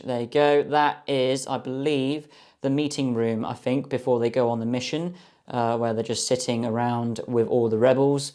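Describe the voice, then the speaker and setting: Young male fan host, casual box-opening commentary, eager and rambling, middle pitch. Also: darkish tone. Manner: chatty, enthusiastic, many ums and guesses. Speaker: card box opener.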